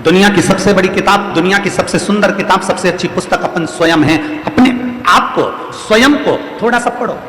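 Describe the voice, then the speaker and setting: A man's voice: sits high, normal speed, a bit bright. A man preaching a devotional sermon to a large gathering with a Madhya Pradesh Hindi accent, repeating lines emphatically to drive his point home. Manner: repetitive, emphatic, rhetorical preaching. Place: large outdoor religious gathering. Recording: echoey hall, long reverb, faint music.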